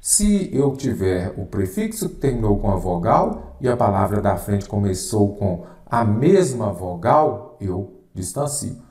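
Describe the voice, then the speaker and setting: A man's voice: fairly low pitch, very animated, measured pace, few pauses, a little mellow, echoey room. A man with a Brazilian Portuguese accent teaching an exam-prep grammar lesson, emphatic and constantly checking with the listener. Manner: emphatic, repeats "correto?" and "anote aí".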